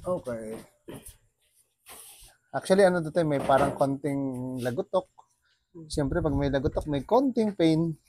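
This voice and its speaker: A man's voice: fairly high pitch, a little slow, pauses often, mellow, a little hiss or hum. A Filipino man working as a bone setter, talking a client through treatment in a soothing, coaxing way with frequent laughs. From Philippines.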